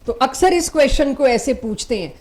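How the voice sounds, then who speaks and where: A woman teaching chemistry in a recorded class, explaining step by step and giving firm, brisk instructions to her students. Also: high voice, animated, a little mellow. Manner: explains step by step, mixing Hindi and English terms. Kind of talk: recorded online lecture.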